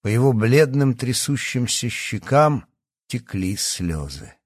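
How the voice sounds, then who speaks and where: A man reading an audiobook as the narrator, with an expressive storytelling delivery. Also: medium pitch, slow pace, no echo, studio quality.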